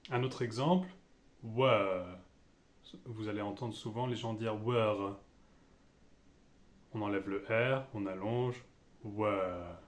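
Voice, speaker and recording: A man with a French accent teaching English pronunciation, speaking slowly and deliberately and repeating each example. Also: fairly low pitch. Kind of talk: pronunciation lesson.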